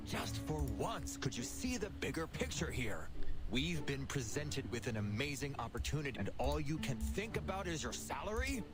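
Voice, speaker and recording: A man's voice: medium pitch, very animated, moderate pace, music in the background, close to an everyday voice. Man voicing a stern game researcher. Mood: exasperated. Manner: earnest, stern, matter-of-fact. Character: serious, duty-bound male researcher, strict. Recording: game audio with clear background ambience.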